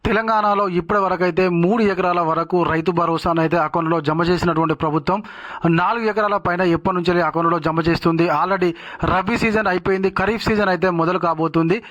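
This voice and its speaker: A man hosting a news update channel, talking in a rapid, filler-heavy way with frequent restarts. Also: high-pitched, fairly even intonation, fairly bright tone.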